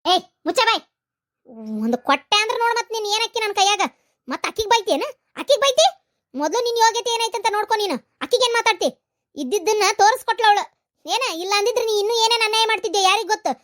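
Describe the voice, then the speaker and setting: A woman with a North Karnataka Kannada accent voicing a fierce, scolding middle-aged mother-in-law in a cartoon, in a shrill, harsh manner. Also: racing. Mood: angry scolding. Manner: harsh, accusing, loud scolding. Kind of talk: cartoon voice acting.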